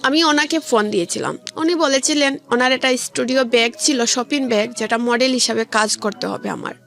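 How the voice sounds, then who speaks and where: A young woman with a Bangladeshi accent, her voice fairly high, gravelly and a bit bright, talks fairly quickly in a radio studio. She describes her life informally and frequently quotes conversations as they happened, with music in the background.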